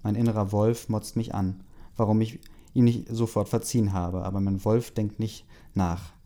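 Guy reading a fan story and chat stuff out loud, chill, lots of ums, low mellow voice. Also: normal speed. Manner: relaxed, with fillers and asides.

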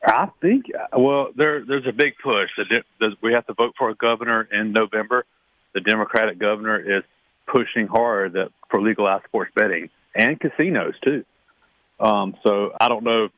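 A man's voice: fairly low pitch, moderate pace, dry recording. A man appearing as a guest on a sports betting radio show, talking in an earnest, persuasive way. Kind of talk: casual radio chat. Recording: tinny phone line.

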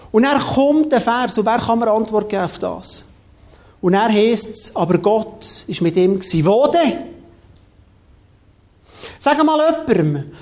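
A man preaches in a storytelling sermon, acting out scenes and asking his listeners direct questions. His voice sits unusually high for a man. The delivery is lively and personal.

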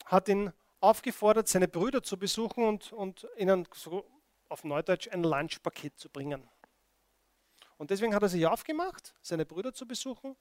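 A man preaching a sermon, retelling a story in an animated way and checking in with his listeners. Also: sits high, no echo. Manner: animated storytelling, addressing the congregation with frequent "okay?".

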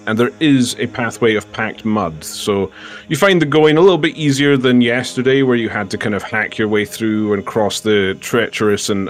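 Lively game master, a man narrating. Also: on the low side. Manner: descriptive, unhurried, with frequent ums.

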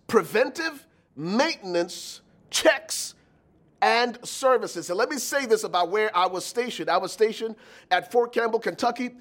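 A middle-aged man from Liberia, preaching a sermon as pastor with emphatic, repeated lines and calls to the congregation. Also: high-pitched.

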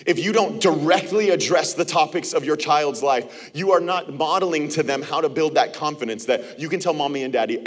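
A man's voice: on the high side, slightly rough. A man in his thirties preaching a sermon as pastor to a church, talking in a loose, conversational way and acting out little dialogues. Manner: conversational preaching with acted-out quotes and laughs. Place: church auditorium.

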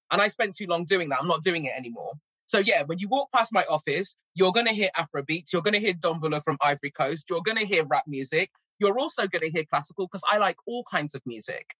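A woman's voice: on the low side, fairly bright tone, breathy edge, dry recording, dull audio. A woman in her forties with a North London accent, a language teacher talking earnestly in a podcast conversation. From England. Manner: earnest, reflective, emphatic.

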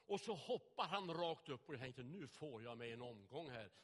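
A man's voice: mid-range voice, lively intonation, long reverb tail. A male preacher giving a sermon with vivid storytelling and anecdotes in a church.

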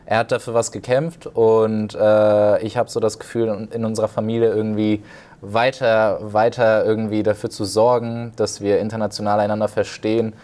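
A startup founder from Germany answers a host's questions, his voice lower than most men's and soft and mellow. He explains things earnestly and at length, in a plain conversational register. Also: flat delivery, moderate pace. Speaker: startup founder, interview guest. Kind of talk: interview answers.

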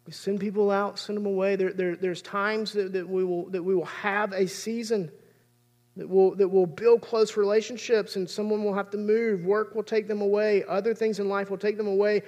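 A man's voice: high-pitched, little pitch movement, moderate pace, darkish tone. A man, preaching a sermon as pastor in an earnest, conversational way.

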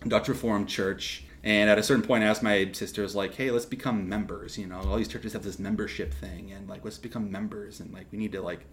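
A young man from Texas, a seminarian guest on a podcast, telling his story casually with lively restarts and asides. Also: fairly low pitch, a little hiss or hum. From Texas, USA. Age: young adult. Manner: animated, quick asides and restarts.

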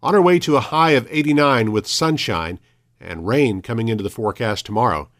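A man's voice: medium pitch, fairly quick, fairly bright tone. A man reading a scripted morning forecast and news as a local radio announcer. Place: radio studio.

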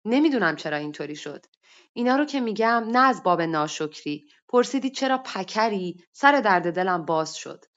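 Anxious widowed mother in her thirties, confiding and hesitant, as a woman reader puts her on; medium pitch, dull online audio. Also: animated, a bit bright, close to an everyday voice. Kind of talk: story reading.

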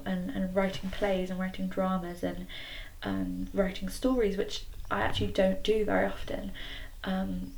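A woman's voice: mid-range voice, vocal fry, a little mellow, rough recording. A nineteen-year-old woman chats casually and a little hesitantly as a solo podcast host, recorded in a small wooden shed. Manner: hesitant, self-effacing. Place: small wooden garden shed, slightly echoey. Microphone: computer recording. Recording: clicky home recording with background noise.

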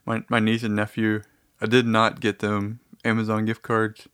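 A man's voice: fairly low pitch, completely flat delivery, moderate pace, a bit bright, smooth, no room sound, clean studio sound. A man talking to his audience in a casual, meandering, easygoing monologue.

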